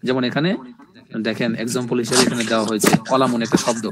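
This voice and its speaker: A male Arabic teacher giving a live online class, explaining step by step and drilling word forms in slow repeated lists. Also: medium pitch, flat delivery, very noisy. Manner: explains step by step, often checking "ঠিক আছে?".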